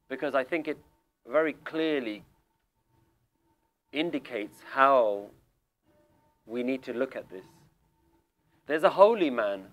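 A male spiritual teacher giving an emphatic, questioning talk to a group seated in a room. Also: mid-range voice. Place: room with a small audience.

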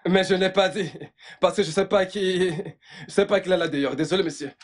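A man voicing a bumbling, excitable male house servant in a dubbed film, flustered and giggly by turns, given to loud wailing. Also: sits high, normal speed, close to an everyday voice.

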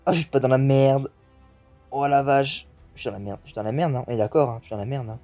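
A young man giving excitable commentary as he plays a game, swearing often and dropping English exclamations into French. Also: mid-range voice, fast, faint music behind. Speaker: gaming YouTuber. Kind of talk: live gameplay commentary.

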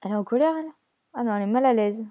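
A woman's voice: fairly high pitch, very fast, warm tone, no echo, clean studio sound, soft background music. A young woman hosting a let's play, chatting casually and teasing the characters she plays, with frequent hesitations. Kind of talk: casual gameplay commentary.

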